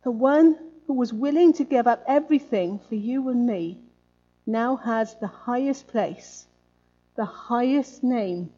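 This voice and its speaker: A woman's voice: on the high side, unhurried, warm tone, muffled recording. A woman preaching a sermon in a conversational way, often adding tag questions.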